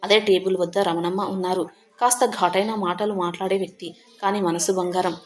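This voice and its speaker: A woman's voice: on the low side, steady tone, a little fast. A woman narrating a first-person audio story in the tender, grieving voice of a mother.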